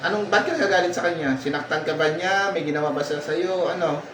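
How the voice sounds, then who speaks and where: A man's voice: fairly high pitch, fast talker, fairly bright tone. A man working as a folk healer, chanting murmured prayers and firmly questioning a patient over and over during a healing ritual. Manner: commanding, repetitive interrogation, murmured incantations. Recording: roomy sound from far off, faint noise.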